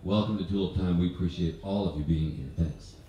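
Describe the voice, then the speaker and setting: A man's voice: sits low, a little fast, lo-fi sound. An older American man giving informal, chatty, good-humored remarks to an audience on a handheld microphone. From United States. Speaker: competition judge giving introduction. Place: event tent with seated audience. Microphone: handheld stage microphone. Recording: very echoey, distant, slight audience noise.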